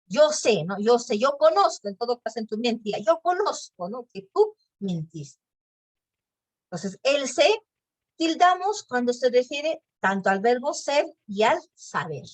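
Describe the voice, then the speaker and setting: Slow, lively-voiced woman teacher. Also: fairly high pitch. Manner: explains patiently, often checks with "¿no?" and "¿ya?". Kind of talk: spelling lesson explanation.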